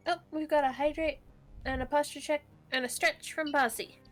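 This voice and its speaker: A woman's voice: sits high, fairly even intonation, moderate pace, faint music behind. A woman co-streamer chatting playfully and teasing her partner during a game stream. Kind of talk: casual game-stream chat.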